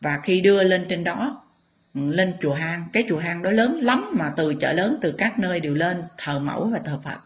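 A woman spiritual teacher tells her viewers stories in a low voice. Her delivery is emphatic and impassioned, and she leans hard on her points. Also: lively intonation, moderate pace, a little hiss or hum. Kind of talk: dramatic storytelling to viewers.

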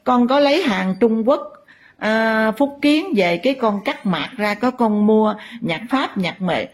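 A woman's voice: on the high side, animated, a little slow. A woman voicing a stern scolding spirit mother.

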